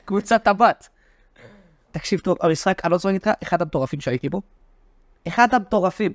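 Animated high-voiced man chatting about sports. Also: no room sound. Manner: animated, teasing, tells stories with shifts in pitch. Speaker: podcast co-host. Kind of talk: casual sports podcast chat.

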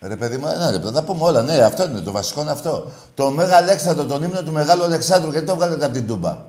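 A male sports radio host with a somewhat high voice runs call-in banter from the studio. He needles and teases his caller, pressing the same point over and over. He flares up easily. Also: expressive, a little mellow. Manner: teasing, needling, gets heated.

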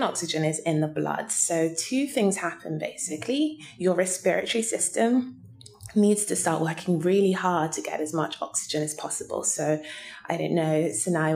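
A woman's voice: on the low side, moderate pace, creaky, darkish tone. A woman guest scientist explaining things simply, step by step, to young listeners in an interview.

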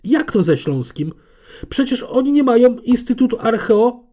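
A man reading an audiobook, voicing an arrogant, aggressive female heritage conservator who shouts. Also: very high voice, very animated, normal speed, pitched above the performer's own voice. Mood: furious.

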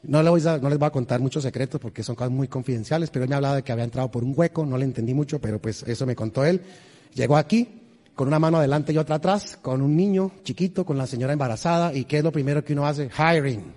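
A man's voice: mid-range voice, quick pace, darkish tone. A man from Colombia, preaching a humorous storytelling sermon and quizzing the congregation. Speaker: pastor. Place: large church in Houston. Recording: reverberant church hall.

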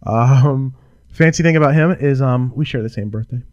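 A man's voice: mid-range voice, normal speed, no room sound, highs cut off. A man co-hosting a show in casual banter, with a blunt, teasing, informal way of talking. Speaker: podcast co-host.

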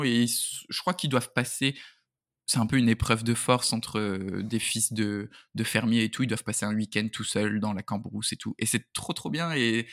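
A man's voice: mid-range voice, a bit bright. A man in a casual podcast chat, speaking informally with slang and a joking way. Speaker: podcast guest, book YouTuber.

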